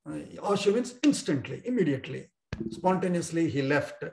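A man's voice: on the high side, big pitch swings, normal speed, vocal fry, warm tone, echoey room. A man teaching an online scripture class, explaining verses line by line with many fillers and chanting them for students to repeat, heard over a video call.

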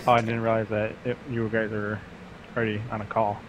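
A man's voice: fairly low pitch, monotone, fairly quick, a little hiss or hum. A man co-hosting a podcast, chatting casually and joking on a group call from his basement while fiddling with his setup. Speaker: podcast co-host. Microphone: computer mic on a group call.

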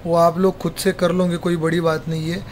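A man's voice: a little high, level tone, fairly quick. A man casually walking viewers through a camera setup step by step in a phone repair workshop, talking to them like friends. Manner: chatty, addresses viewers as brother, step-by-step. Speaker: mobile repair technician. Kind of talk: casual how-to walkthrough. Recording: noisy room with street traffic.

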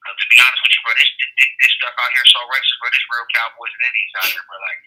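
A man's voice: medium pitch, fairly even intonation, fast talker, sharp tone, slightly rough. Man on a prison phone line. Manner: street slang, repeats phrases, keeps asking "you feel me". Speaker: incarcerated caller. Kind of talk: casual phone chat.

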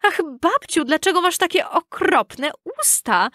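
A woman's voice: lively intonation, measured pace, no echo, studio quality. A woman doing a frightened little girl. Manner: high, bright childlike voice. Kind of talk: storybook reading.

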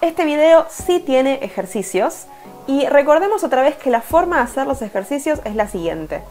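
A woman's voice: high voice, sing-song, normal speed, darkish tone, faint music behind. A woman with a Rioplatense Spanish accent who teaches English in an online lesson. She explains step by step, reading each English sentence and then translating it.

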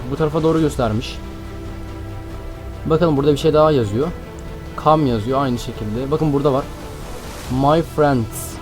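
A young man host commentating a game, excitable and jumpy, constantly talking to his viewers. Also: a little high. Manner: excitable, jumpy, keeps addressing viewers as friends. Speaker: gaming channel host. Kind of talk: Minecraft let's-play commentary. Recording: faint background music.

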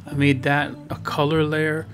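A man's voice: a little high, completely flat delivery, measured pace. A man rambling casually through a voice-over about his painting, full of fillers and restarts and poking fun at himself. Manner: rambling, filler-heavy, self-deprecating. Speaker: digital painter and video host. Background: background guitar music.

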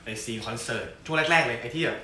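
Bright-voiced young man, echoey room. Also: medium pitch, rapid-fire. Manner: rambling, repeats words, laughs easily. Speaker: actor guest. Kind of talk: casual chat. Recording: roomy echo, faint background hum.

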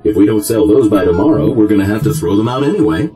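A man performs a cheerful male robot guide from a game, speaking in a polite, announcer-like robotic way. The voice sits fairly low, yet the intonation swoops up and down with a lot of life. Game music plays clearly underneath. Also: expressive, fast, close to an everyday voice. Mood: dry. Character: upbeat male robot guide narrating a simulation. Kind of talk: game character dialogue.

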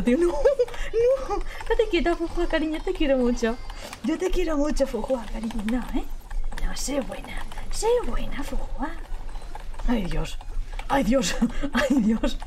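High-pitched spanish girl freaking out over her gameplay, begging and laughing, bit of noise behind. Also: darkish tone. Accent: Spain Spanish. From Spain. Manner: panicky, pleading, laughing. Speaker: gaming YouTuber. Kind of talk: live gameplay commentary. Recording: faint background noise.

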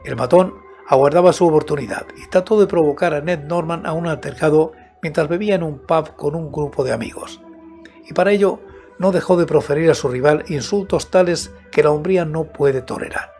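An elderly man reads a scripted horror story into a close studio mic. His voice sits slightly high for a man, and his delivery is deliberate and measured. Music plays behind him. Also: a little mellow. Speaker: audiobook narrator and host of a horror story show. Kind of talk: scripted narration of a horror tale. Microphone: close studio microphone with headset monitoring. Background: background music.

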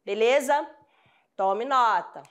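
Teaching grammar with a Brazilian Portuguese accent, a woman takes it slowly in a fairly bright voice on the high side. She patiently repeats examples, checks often that students keep up, and speaks to them affectionately.

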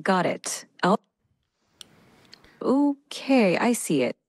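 Woman, AI assistant, synthetic, upbeat, friendly, very animated pitch. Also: very slow, no room sound. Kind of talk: conversational assistant demo.

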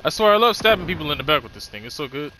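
A man's voice: on the high side, very animated, very fast. A tired man chatting casually through a shooter match, reacting aloud as he plays. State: tired, yawning. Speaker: gaming YouTuber and streamer. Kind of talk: casual gameplay commentary. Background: loud gunfire from the game.

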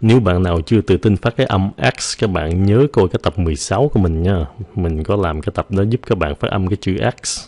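A man with a very low voice gives an English vocabulary lesson in Vietnamese. He drops English words into his explanations and draws them out slowly to show pronunciation. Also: darkish tone. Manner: slow, drawn-out demonstration of English pronunciation. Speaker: English teacher.

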